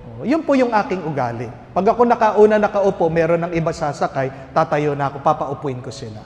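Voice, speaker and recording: A man, a priest, giving a lively homily full of stories, jokes and rhetorical questions. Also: on the high side, fairly quick. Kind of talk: homily with storytelling. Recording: reverberant hall with faint music.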